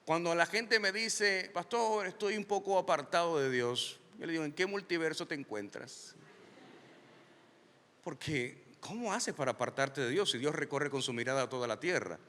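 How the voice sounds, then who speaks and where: High, animated preaching man in a hall. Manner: emphatic preaching, slows and rises on key lines. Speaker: pastor. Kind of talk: sermon.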